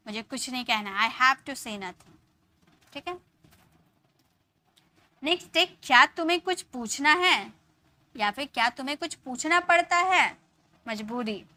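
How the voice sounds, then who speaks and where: A young Indian woman teaching a live spoken-English class, explaining in Hindi and slowly spelling out English example sentences. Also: high voice, pushed and bright.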